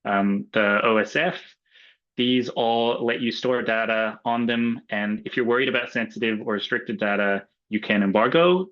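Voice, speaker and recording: An Australian man presenting a webinar in a casual, relaxed way, with frequent ums and uhs. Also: medium pitch, moderate pace. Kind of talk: relaxed webinar talk with slides. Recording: dull lo-fi webinar audio.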